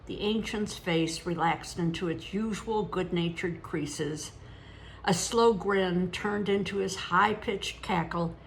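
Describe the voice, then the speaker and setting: An older woman reading a chapter book aloud at a gentle, unhurried pace, correcting herself now and then. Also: fairly low pitch, vocal fry, slight background noise, poor audio. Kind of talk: storybook read-aloud.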